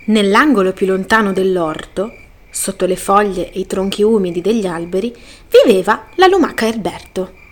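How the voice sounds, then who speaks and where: A woman reading a children's picture book aloud, gentle and lively. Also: mid-range voice, moderate pace. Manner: gentle, lively read-aloud with voiced characters. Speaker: storyteller.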